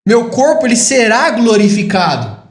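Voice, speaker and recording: Um homem brasileiro pregando um sermão, alternando declarações enfáticas que sobem com comentários baixos e reflexivos. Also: male voice, sing-song, normal speed, reverberant. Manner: rises to emphatic high declarations, drops to quiet reflective asides. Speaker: preacher. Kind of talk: sermon.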